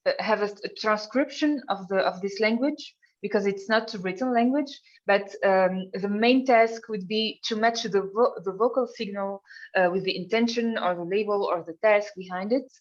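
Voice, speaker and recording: A woman from Tunisia, a guest on a tech panel, speaking hesitantly with many pauses and fillers. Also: medium pitch, lo-fi sound. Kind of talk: panel discussion.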